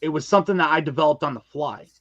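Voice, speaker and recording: In a casual podcast interview, a guest who creates and narrates audio dramas talks about his creative work. His voice is a little high and rapid-fire, emphatic, full of slang and repeated phrases, in a dry, dull-sounding recording.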